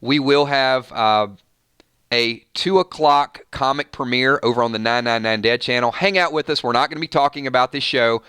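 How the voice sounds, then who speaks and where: A man hosting a live fan reaction show, talking in an excited, rambling way with frequent restarts. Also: medium pitch, normal speed, clear, resonant tone, no room sound. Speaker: channel host.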